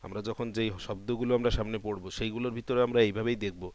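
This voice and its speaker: Patient low-voiced Bengali Quran tutor. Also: male voice, fairly even intonation, darkish tone, no room sound. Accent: Bangladeshi Bengali. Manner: explains step by step, repeats and spells out sounds slowly. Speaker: Quran reading teacher. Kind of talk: patient spoken lesson.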